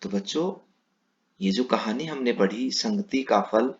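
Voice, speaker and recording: A male teacher reading a story aloud to young children, explaining slowly and kindly. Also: fairly low pitch, lively intonation. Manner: warm, slow, explaining to children. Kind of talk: children's lesson read-aloud. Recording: dull lo-fi recording.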